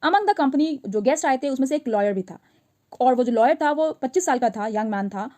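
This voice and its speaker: Working through a story one line at a time, a woman teacher slowly reads the English text, then breaks it down in conversational Hindi while quizzing her audience. She sounds high, animated, and dark in tone.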